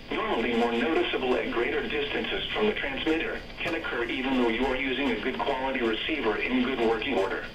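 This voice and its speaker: Heard from a distance, a synthetic male voice in the mid range delivers an automated weather broadcast in an even, clipped manner. The sound comes from a weather radio's speaker, filmed by a camera pointed at the receiver across an echoey room.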